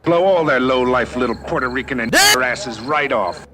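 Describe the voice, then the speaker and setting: Man as a venomous game cop, snarling and loud, mid-pitched voice, crowd noise behind. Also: moderate pace, natural voice. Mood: hateful. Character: hateful bigoted male police sergeant. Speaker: game character.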